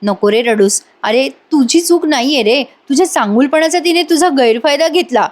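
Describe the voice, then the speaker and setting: A woman's voice: high-pitched, expressive, moderate pace, voice pushed up. A woman voicing a grown man, a caring older brother who coaxes and pleads with affection. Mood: comforting. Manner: coaxing, affectionate, emotional.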